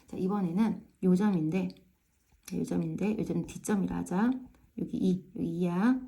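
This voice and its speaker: Casting: woman math tutor, low-ish, very mellow tone, casual chatty lesson, keeps checking in with students. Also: a little slow, gravelly. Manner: frequent tag questions checking understanding; repeats filler "ja" to pace steps. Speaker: math teacher.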